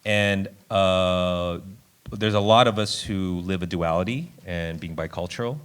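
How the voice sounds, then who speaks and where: A man, a film director, answering audience questions in a relaxed, chatty way. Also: low voice, a little slow, clear, resonant tone. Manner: relaxed, chatty, thinks aloud. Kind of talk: casual festival Q&A answers. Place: film festival screening.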